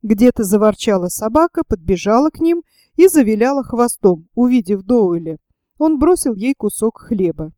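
Woman narrator, audiobook reading, raised pitch, dark mellow tone, dry close sound. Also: no room sound. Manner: steady, measured reading.

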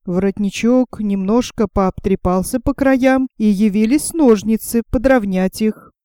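A woman narrating a fairy tale in a lively, expressive reading. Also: mid-range voice, measured pace, clean tone, dry recording, clean studio sound.

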